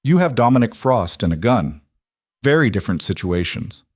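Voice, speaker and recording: A man's voice: on the low side, very animated, normal speed, darkish tone, no room sound, studio quality. A man voicing a corrupt male federal agent in an audiobook, speaking in a stiff, officious way. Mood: stern.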